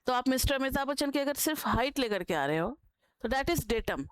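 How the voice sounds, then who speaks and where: A woman's voice: high voice, expressive, moderate pace, clear, resonant tone, no room sound. A woman with an Indian accent teaching an online economics class, explaining step by step, asking students questions and dictating notes word by word. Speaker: economics tutor. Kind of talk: online lecture.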